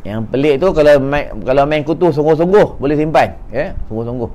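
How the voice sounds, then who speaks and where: A man preaching with a Malaysian Malay accent, his voice sitting a little high for a man. He jokes, fires off questions and answers them himself. He swings between loud, pressing emphasis and soft, low asides. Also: fairly quick. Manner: lively, joking, asks and answers his own questions. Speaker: religious teacher. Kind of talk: casual sermon to a congregation.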